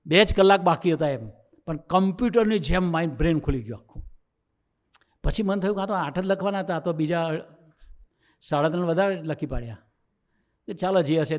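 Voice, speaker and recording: A man with a Gujarati accent, his voice sitting slightly high, preaches to a youth gathering. He tells his own stories, acts out the back-and-forth dialogue, and builds to emphatic points. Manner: storytelling, acting out dialogue, rising to emphatic preaching. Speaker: swami giving a youth discourse. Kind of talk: sermon told as a personal story.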